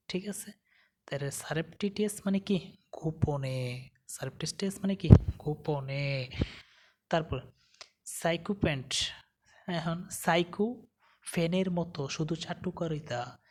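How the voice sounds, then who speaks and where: A woman's voice: on the low side, darkish tone. A woman teaching a vocabulary lesson, asking questions and answering them herself. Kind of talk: vocabulary lesson with memory tricks.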